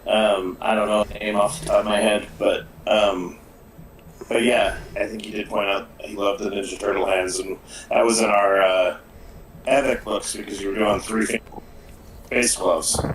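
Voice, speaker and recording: A man's voice: lowish voice, little pitch movement, moderate pace, reverberant, a little hiss or hum, rough recording. A man co-hosting a live drawing stream, chatting casually and hesitating often with fillers. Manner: hesitant, lots of ums and uhs. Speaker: comic artist co-host. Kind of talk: casual chat on a livestream.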